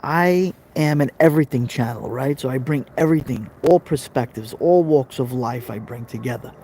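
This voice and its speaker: The audio is poor, with slight background noise, as a middle-aged Brooklyn-accented man hosts a relaxed live stream in a medium-pitched, dark voice at a moderate pace. Originally from Brooklyn, New York, he's chatty, reads comments, speaks directly to viewers and keeps repeating phrases.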